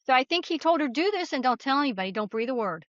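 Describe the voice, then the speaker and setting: Speaking quickly in a high, very animated voice, a woman appearing as a guest author shares stories during an interview in a folksy, emphatic, down-to-earth manner. There's no room sound, though the recording comes across slightly muffled.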